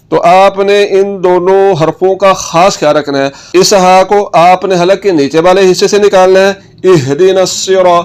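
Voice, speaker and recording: A man teaching Quran recitation rules, patiently repeating each word slowly for practice. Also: sits high, a little mellow, smooth. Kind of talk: tajweed lesson.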